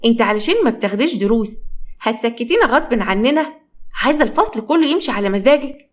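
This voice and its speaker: A woman's voice: on the high side, animated, fast. A woman voicing a spiteful teenage schoolgirl taunting a classmate, in an Egyptian accent. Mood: sneering. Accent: Egyptian Arabic. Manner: sneering, taunting.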